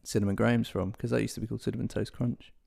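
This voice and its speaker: A man co-hosts a relaxed podcast chat in someone's home, tossing off jokes and quick asides. His voice carries a gravelly fry at a middling pitch. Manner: chatty, jokey, quick asides. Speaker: podcast co-host. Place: guests' home.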